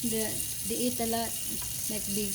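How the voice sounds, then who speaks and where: A woman chatting casually in a home kitchen as vlog host, asking many questions in halting English. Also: fairly high pitch, completely flat delivery. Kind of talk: casual cooking chat. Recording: noisy kitchen with sizzling.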